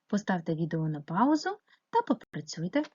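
Female primary teacher, patient and questioning, breathy voice, muffled recording. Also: fairly low pitch, big pitch swings, moderate pace, dark tone. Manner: patient, questioning, explaining step by step. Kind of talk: remote lesson narration.

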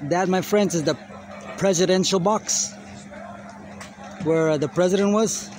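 A middle-aged man giving an excited, casual vlog commentary, exclaiming and repeating his phrases. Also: high-pitched, unhurried. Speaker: vlogger. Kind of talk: excited casual phone vlog, switching between two languages. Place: large outdoor stadium at night. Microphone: handheld phone. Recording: noisy phone recording, loud stadium crowd.

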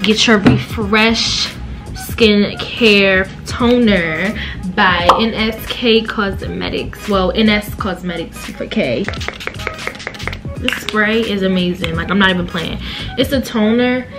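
A woman's voice: medium pitch, slow, music in the background. A young woman vlogging in a casual, chatty way, talking straight to her viewers with plenty of slang as she drives, does her makeup and shops. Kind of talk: casual vlog chat. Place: car, then bedroom, then shopping mall.

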